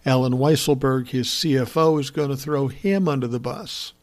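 A man with a medium-pitched voice speaking at normal speed hosts a political podcast. He gives blunt, profane opinion commentary and answers listener messages conversationally.

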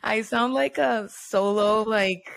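A woman's voice: fairly high pitch, slow, gravelly, dry recording. A woman in her twenties, a native Spanish speaker, chatting casually as a podcast co-host and switching between English and Spanish. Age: 20s. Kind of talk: casual chat.

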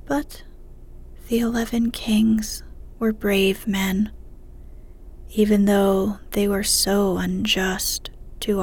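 A woman reading a story aloud in a soft, unhurried ASMR whisper. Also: mid-range voice, husky.

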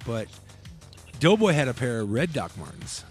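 A man's voice: mid-range voice, very animated, moderate pace, faint music behind. A man co-hosting a casual podcast, telling a family story and acting out the quotes with laughs. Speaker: podcast co-host.

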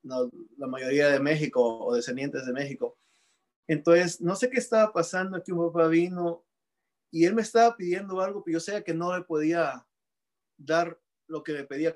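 A man from Peru, a painter, recounts his own past in a reflective interview. His voice sits a little high for a man. He drops English words into his sentences and often circles back to restart them. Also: brisk. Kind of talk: reflective personal storytelling.

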